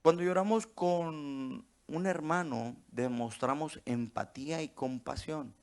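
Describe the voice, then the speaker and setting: Gravelly-voiced male pastor preaching. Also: on the high side, slow pace, darkish tone. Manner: asks rhetorical questions, checks in with the congregation. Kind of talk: sermon.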